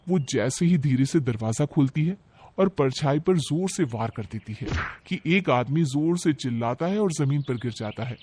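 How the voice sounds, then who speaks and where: A man giving scripted narration for a cartoon story in an even storytelling manner. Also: mid-range voice, normal speed, slight background noise.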